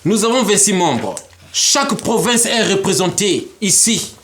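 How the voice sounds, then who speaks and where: A man, a guest in an interview, explaining a political model in an animated way and often laughing. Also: high voice, a little slow, a little hiss or hum. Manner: animated, acts out imagined dialogues, laughs often.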